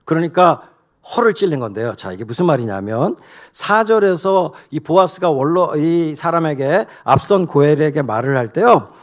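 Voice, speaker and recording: A male pastor preaching a sermon in an animated, conversational way, with frequent rhetorical questions to the congregation. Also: on the high side, normal speed.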